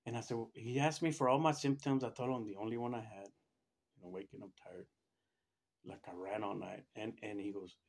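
A man's voice: lowish voice, steady tone, husky. Rambling man telling his story. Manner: rambling, halting, with many restarts and fillers; acts out other people's quoted lines in a raised voice. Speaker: storyteller recounting a personal experience. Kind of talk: casual spoken storytelling.

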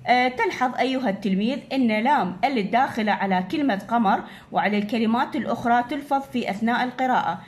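A woman teacher with an Iraqi Arabic accent explaining a grammar lesson to children, slowly repeating each word. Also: a little high. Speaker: primary school teacher.

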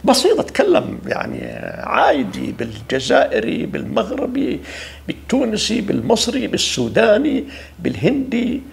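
Gravelly animated male preacher. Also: high-pitched, normal speed. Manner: animated, preachy, acts out quoted voices. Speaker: religious speaker. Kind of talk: informal religious talk.

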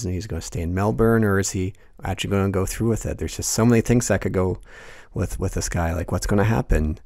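A man's voice: low-pitched, a little mellow, no room sound, studio quality. A man narrating a casual film commentary, amused and chuckling as he talks. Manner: amused, chuckles through lines. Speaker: video essay host.

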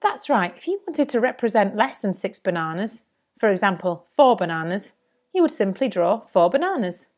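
A woman delivers a scripted lesson for young children. Her voice sits at an average pitch but moves up and down in a lively, singsong way. She speaks as a primary school teacher addressing a class. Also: normal speed.

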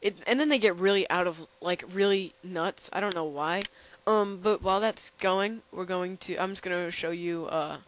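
A tired young man hosting a casual software demo, rambling and halting with lots of fillers. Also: sits high, steady tone, clear, resonant tone, low-quality recording. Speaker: channel host.

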